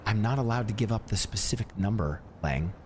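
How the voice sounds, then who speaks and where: A man's voice: lowish voice, expressive, brisk, slight background noise. A man in a game roleplay, playing a self-appointed Cupid who teases and coaxes in a playful salesman patter.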